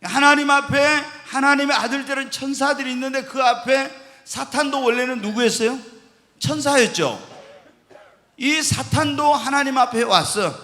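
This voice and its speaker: Male pastor, high and bright voice, Bible sermon with long church reverb, asks and answers his own questions. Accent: Korean. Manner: asks the congregation questions and answers them himself. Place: church sanctuary.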